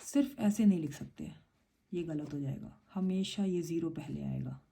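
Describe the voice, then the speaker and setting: A woman's voice: deep voice, moderate pace, creaky, mellow, breathy edge. A woman teaching a Korean lesson in a patient, explaining way, switching between Hindi and English. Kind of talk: casual online lesson.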